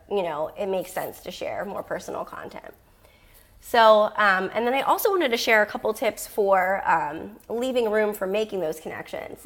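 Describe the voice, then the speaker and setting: A woman talking casually to her viewers, giving social media tips in a chatty, rambling way full of ums and likes. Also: mid-range voice. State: losing her voice.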